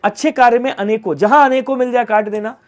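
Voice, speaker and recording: A male teacher running a fast online exam-prep class, firing quick call-and-response questions at his students. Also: very high voice, fairly even intonation.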